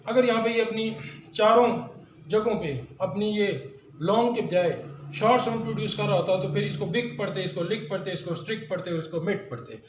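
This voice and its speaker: This is a man, teaching English long vowels in a slow, repetitive way. He draws out each vowel and says the example words over and over. The recording sounds roomy and echoey, with a faint hum underneath. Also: sits high. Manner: explains slowly, drawing out and repeating example words. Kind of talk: recorded phonics lesson.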